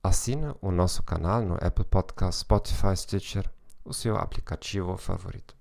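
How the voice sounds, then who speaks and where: A male podcast host with a marked German accent, native in German. His voice sits deep and has a gravelly fry to it. He reads scripted material with care, sometimes halting over words in the foreign language. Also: a little mellow.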